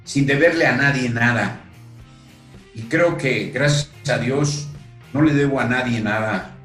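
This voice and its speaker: Older Mexican man, unhurried earnest guest; roomy echo, faint music behind. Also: mid-range voice, a bit bright. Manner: slow, earnest, with pauses and fillers. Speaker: guest, retired referee. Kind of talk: reflective storytelling in conversation.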